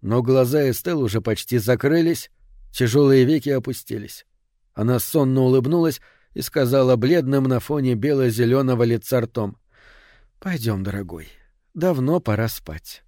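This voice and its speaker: Male audiobook narrator, even and measured, dark mellow voice, dry close sound. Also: mid-range voice, no echo. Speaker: audiobook reader.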